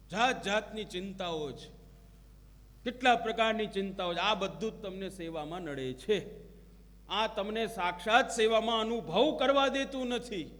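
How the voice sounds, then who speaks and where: A man's voice: sits high, fairly bright tone. A man giving a devotional discourse, telling stories and acting out quoted prayers and dialogue. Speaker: religious preacher. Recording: long hall reverb.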